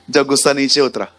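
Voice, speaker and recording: A young man preaching a sermon to his congregation, animated, and acting out scenes in other voices. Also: mid-range voice.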